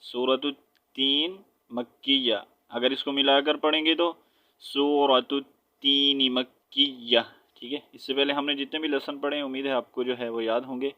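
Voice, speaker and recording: A man teaching Quran recitation step by step, spelling out letters with their vowel marks and often checking in with his listeners, then chanting verses slowly. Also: mid-range voice, flat delivery, pushed and bright, lo-fi sound. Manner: switches between quick explanation and slow drawn-out chanted recitation.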